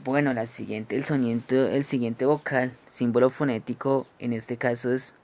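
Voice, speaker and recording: A man teaching English phonetics, who explains each symbol slowly and keeps checking with "¿sí?". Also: mid-range voice, steady tone, darkish tone. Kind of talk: phonetics lesson.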